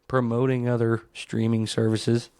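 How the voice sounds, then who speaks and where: His voice is clear and resonant, at a measured pace with no room sound. He hosts his own solo podcast, ranting in a rambling, profane, humorous way and telling animated stories, jumping into higher voices for quotes.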